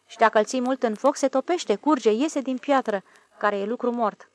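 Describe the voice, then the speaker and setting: A woman's voice: a little high, a little mellow, lightly acted. A woman reading aloud and voicing a know-it-all boy ringleader who explains things in a scornful, lecturing way.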